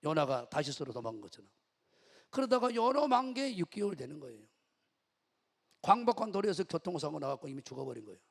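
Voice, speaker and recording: A man's voice: fairly high pitch, sing-song, fairly quick, creaky, long pauses, in a large hall. A middle-aged male pastor, preaching a sermon and telling his own story with rhetorical questions to the congregation. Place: church sanctuary.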